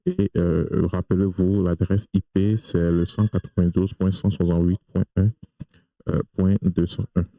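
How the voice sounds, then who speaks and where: A non-native French speaker with a very low, dark, gravelly voice narrates a screen-recorded tech tutorial, hesitating with many fillers and restarts. He speaks at normal speed with little pitch movement. The low-quality recording is close on a desk mic in a dry room, with no room sound.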